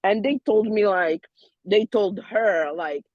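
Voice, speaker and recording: A woman, a doula student, casually telling peers about a birth in halting, non-native English full of fillers and restarts. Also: medium pitch, a little mellow, no echo, dull audio. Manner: non-native phrasing, loose grammar.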